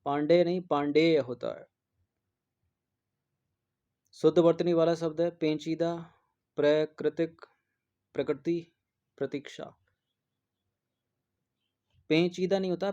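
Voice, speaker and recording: Guy going through hindi spelling answers, says each word over and over, kinda high but mellow voice, muffled recording. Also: little pitch movement, moderate pace, pauses often. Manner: repeats each word over and over and checks in with a constant "theek hai". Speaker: exam prep teacher. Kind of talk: spelling lesson, explaining answers. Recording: dull lo-fi recording.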